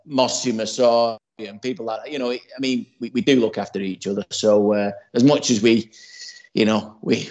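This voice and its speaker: A man's voice: mid-range voice, a little mellow. A man co-hosting a casual podcast who rambles earnestly with lots of restarts. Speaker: podcast co-host.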